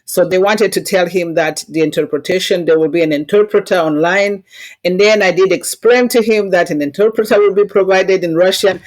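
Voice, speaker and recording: A Rwandan-accented woman with a fairly low, darkish voice speaks a little fast on a rough recording. As an interview guest and diversity consultant, she gives conversational answers and anecdotes in an earnest, instructive way, using non-native phrasing.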